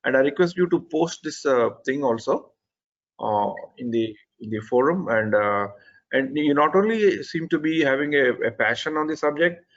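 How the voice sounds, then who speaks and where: A man's voice: fairly high pitch, expressive, normal speed, lo-fi sound. A man giving earnest, methodical spoken feedback on an online presentation, often restarting his sentences. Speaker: presentation evaluator.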